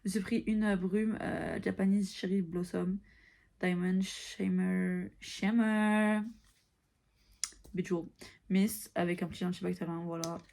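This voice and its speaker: A woman's voice: fairly low pitch, flat delivery, fairly quick, creaky, mellow. A woman in her early twenties chatting casually to camera, tired and mixing English phrases into her talk. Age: early 20s. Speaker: vlogger.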